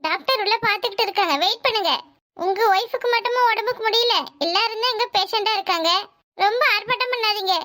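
A brisk cartoon nurse speaks in a businesslike, stern manner with a southern Tamil Nadu accent. Her voice is extremely high and thin. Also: pushed and bright. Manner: businesslike, curt.

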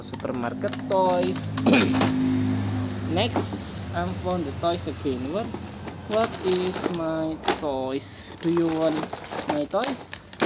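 A woman narrates a toy show-and-tell vlog, calling out each item in short bursts with a constant wow. Her voice sits a bit low and moves very slowly. The phone recording carries a clear layer of background noise. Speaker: toy unboxing vlogger. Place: indoors on a tiled floor. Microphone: phone camera held over toys.

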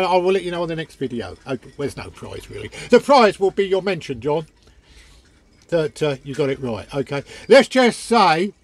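An older sailing vlogger with a high-pitched voice chats casually to the camera about his boat gear, rambling, stumbling and repeating words. He films on a phone held at arm's length in a small boat cabin, with no echo.

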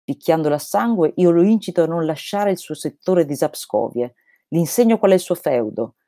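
A woman's voice: deep voice, lively intonation, a little fast, mellow, no echo, studio quality, voice pushed up. A woman reading aloud the lines of an eccentric, vehement male holy fool, in an emphatic read-aloud delivery. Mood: insistent.

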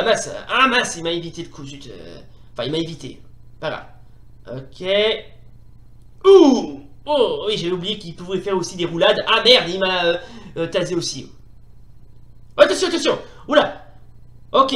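A man commentating excitably as he plays a retro fighting game, often exclaiming and repeating himself. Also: high voice, echoey room. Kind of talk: playing while commentating.

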